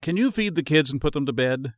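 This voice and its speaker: A male narrator voicing a busy, distracted working wife, talking fast and apologetically. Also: on the high side, animated, no echo, studio quality, pitched above the performer's own voice, natural voice. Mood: hurried, apologetic. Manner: hurried, apologetic, breezy.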